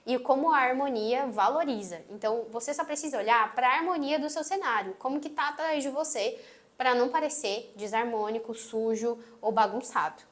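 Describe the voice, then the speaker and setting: Woman, Brazilian accent, sweet gentle voice, somewhat high, online lesson, emphatic, phone on a tripod. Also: moderate pace. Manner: emphatic, closes phrases firmly. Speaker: marketing instructor.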